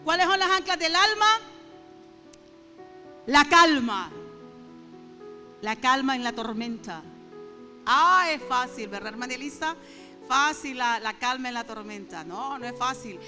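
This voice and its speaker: In a reverberant church hall with soft instrumental music underneath, a middle-aged woman gives a heartfelt, conversational sermon aimed directly at the congregation, at times slipping into fervent prayer. She speaks at normal speed in a high-pitched, sharp voice with lively intonation.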